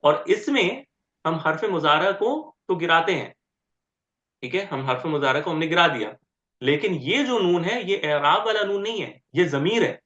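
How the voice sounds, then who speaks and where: A man teaching Arabic grammar step by step in an online lecture, repeating word forms slowly and often checking with "ठीक है?". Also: a little high, fairly bright tone. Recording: roomy, dull lo-fi sound.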